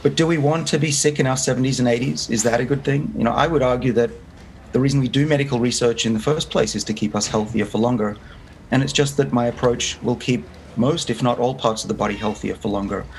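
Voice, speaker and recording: Speaking quickly at a medium pitch, this Australian man in his fifties talks through his research as a remote interview guest, earnest and often restarting. Audio quality is low and faint noise sits in the background.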